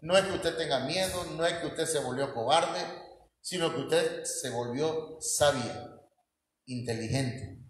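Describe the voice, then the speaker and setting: A man's voice: fairly high pitch, measured pace, slight background noise. A man with a Mexican Spanish accent preaching a sermon in a folksy, joking way and putting questions to the congregation. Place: church hall. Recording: echoey church hall with long reverb.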